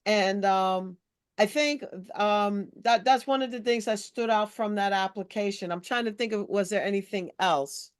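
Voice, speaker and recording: A woman's voice: mid-range voice, normal speed, clean tone, no echo, clean studio sound. A woman leading a community board committee meeting over a video call, recapping matter-of-factly in a loose, conversational way.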